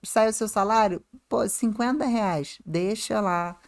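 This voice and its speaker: A woman's voice: medium pitch, unhurried, a loud crowd. A woman with a Rio de Janeiro Brazilian accent and slightly tongue-tied diction, talking casually as a guest adviser on a podcast in a chatty, colloquial way. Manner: chatty, colloquial, acts out clients' remarks.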